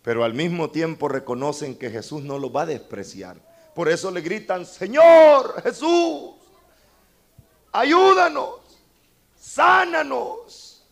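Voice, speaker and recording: A man with an expressive voice preaches an impassioned sermon at a moderate pace, talking directly to the congregation as brother. He suddenly leaps into high cries and breaks off for humorous asides.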